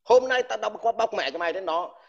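A combative man, an army veteran, in a furious livestream rant. He hurls crude insults at the listener, speaking at a somewhat raised pitch, and stutters over repeated words when worked up. The recording is dull and lo-fi. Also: lively intonation, fairly quick, gravelly.

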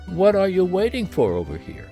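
A man's voice: sits high, wildly swooping pitch, normal speed, warm tone, soft background music, pitched above the performer's own voice, heavily acted. A man voicing a friendly, earnest blind young man in a storybook, polite and eager. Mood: curious.

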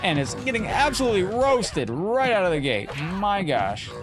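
Man, game streamer, excitable casual chat, slightly high pitch, faint background music. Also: moderate pace. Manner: excitable, talks to chat and his cat.

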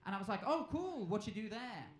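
Very animated and fairly quick, a high-pitched Norwegian comic in his twenties works a comedy club stage, chatting with the crowd and playfully acting out exchanges. The live recording, made on a handheld mic, is echoey and noisy.

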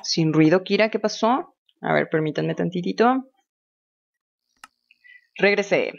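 In a dull, lo-fi home recording, a woman gives casual commentary on the video game she's playing, laughing a lot and thinking out loud. She's a gamer with a lowish voice, a measured pace and vocal fry.

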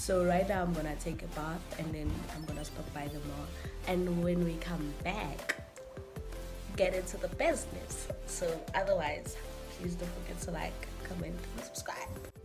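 A young woman from South Africa with a husky morning voice, chatting casually as she gives a room tour. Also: on the low side, steady tone, normal speed, music in the background. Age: young adult. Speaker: YouTuber. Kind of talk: casual vlog.

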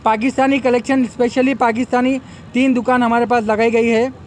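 A young man organizing an outdoor expo delivers a promotional press statement into a row of microphones on a table, repeatedly calling on customers to show up. He speaks at a moderate pace in a very high, darkish voice with little pitch movement, and there's a little hiss or hum.

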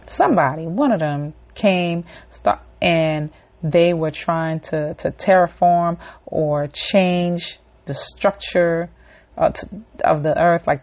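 A podcast host with a low, darkish voice and vocal fry talks casually on her solo show, rambling conversationally and using many fillers. She then guides listeners through a short relaxation and affirmation segment.

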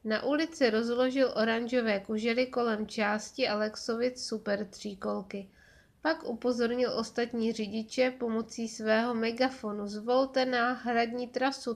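A woman reads a children's story aloud in a clear, measured way. Her voice sits a little high and keeps an even storytelling pace. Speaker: audiobook narrator.

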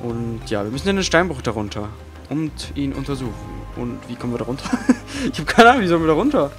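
A man giving casual commentary over his own gameplay. He is excitable, swears often, and swings between quiet mumbling and loud outbursts. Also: mid-range voice, quick pace, soft background music. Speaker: let's play gamer.

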